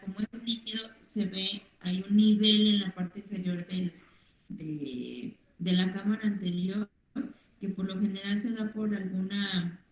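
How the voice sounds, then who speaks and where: A woman doctor teaching an online medical class, her voice echoing and reflected as she explains with hesitations and restarts. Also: mid-range voice. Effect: echoing, reflected sound on her voice. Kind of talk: medical lecture over a video call. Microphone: computer mic without headphones. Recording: echoey video call audio.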